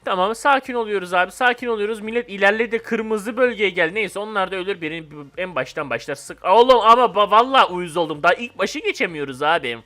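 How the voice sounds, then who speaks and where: Young man, gaming host, live game commentary, excitable, bright tense voice, hyped yelling and quiet muttering. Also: high-pitched, fast talker, hardly any pauses. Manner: excitable, swings from hyped shouting to calm muttering.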